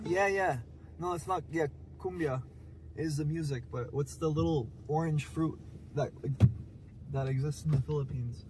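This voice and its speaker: Slangy, higher-pitched man streaming amid vehicle noise. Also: moderate pace. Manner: slangy, addresses viewers as bro and G. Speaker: live streamer. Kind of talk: casual live stream chat. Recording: noisy street and vehicle background.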